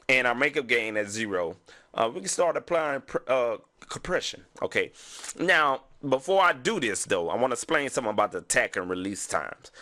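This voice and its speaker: A man's voice: medium pitch, pushed and bright. Stuffy Houston man teaching beatmaking. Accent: Southern US, Houston. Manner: loose, repeats "you know what I'm saying". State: stuffy from sinuses. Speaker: music production tutor. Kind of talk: casual screen-recording tutorial.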